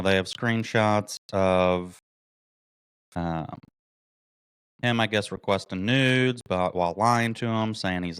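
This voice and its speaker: A man's voice: on the low side, clear, resonant tone, no room sound. A man hosting a podcast, delivering a mocking, indignant political commentary monologue and reading articles aloud. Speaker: podcast host.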